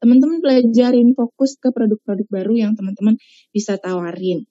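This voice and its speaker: Mellow-voiced woman teaching a chatty webinar. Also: on the high side, fairly even intonation, a little fast, no echo, dull audio. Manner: chatty, repeats herself, often addresses listeners as friends. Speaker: sales trainer presenting a webinar.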